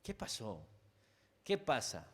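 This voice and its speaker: With a Mexican accent, this pastor offers a conversational sermon straight to his listeners, sprinkled with asides and alternating loud, emphatic peaks with quiet, low lines. His pitch swings hugely, he takes it slowly, and his voice is slightly rough.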